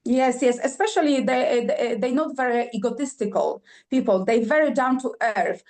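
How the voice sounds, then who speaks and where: A fairly high, slightly mellow woman's voice belongs to a Polish-speaking singer-songwriter from Poland, guesting on a podcast. Eager and animated, she keeps pausing with fillers, repeating herself and starting sentences over.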